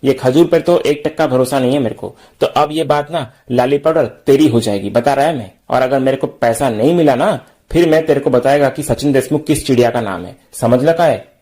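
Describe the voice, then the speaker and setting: A man's voice: medium pitch, fairly quick, warm tone, lightly acted. A man reading the lines of a hot-tempered young man who talks in blunt street slang, with little change from his own voice.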